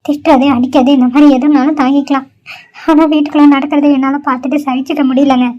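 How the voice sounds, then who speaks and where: A sad, despairing young woman in a homemade cartoon, voiced by a woman. Her voice is high and she speaks sorrowfully. The recording sounds dull and lo-fi. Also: level tone, quick pace, mellow, lightly acted. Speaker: cartoon character.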